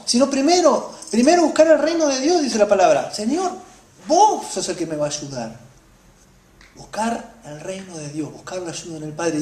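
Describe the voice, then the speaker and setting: A woman preaching a sermon, questioning her congregation and swinging between loud exclamations and hushed asides. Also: fairly high pitch, echoey room, a little hiss or hum.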